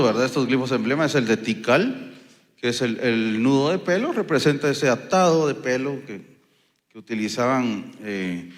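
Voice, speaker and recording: Guatemalan-accented male lecturer, steady mid voice, patient explainer, hall reverb. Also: mid-range voice. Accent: Guatemalan Spanish. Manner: explanatory, frequent checking "¿sí?" and "eh" fillers. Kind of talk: university lecture on Maya epigraphy.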